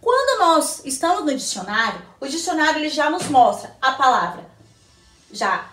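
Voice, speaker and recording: A woman teacher with a Brazilian Portuguese accent giving a recorded lesson to young children, slowly asking questions and answering them herself. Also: high-pitched, very animated, fairly bright tone, recorded from a distance, soft background music. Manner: slow, sing-song teacher talk, answers her own questions. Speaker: primary school teacher. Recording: echoey room, slightly off-mic.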